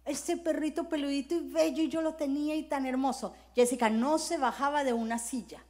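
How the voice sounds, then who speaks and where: A woman's voice: high-pitched, fairly even intonation, a little fast, mellow. A middle-aged woman pastor preaching a sermon, telling personal stories and acting out scenes as she goes. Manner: storytelling, acts out scenes with sound words.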